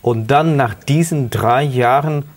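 A middle-aged man from Ukraine with a Ukrainian accent, earnestly telling his life story as a guest in halting German. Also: medium pitch. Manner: earnest, halting non-native German with restarts. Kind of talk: personal testimony interview.

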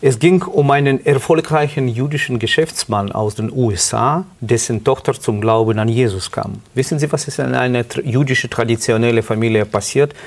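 A middle-aged man from Ukraine with a Ukrainian accent, earnestly telling his life story as a guest in halting German. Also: medium pitch, creaky. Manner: earnest, halting non-native German with restarts. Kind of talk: personal testimony interview.

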